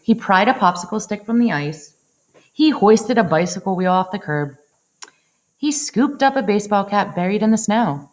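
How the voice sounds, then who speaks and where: At a moderate pace and medium pitch, a storyteller gives an expressive read-aloud of a picture book for kids. She draws out the action words and delivers lines dramatically.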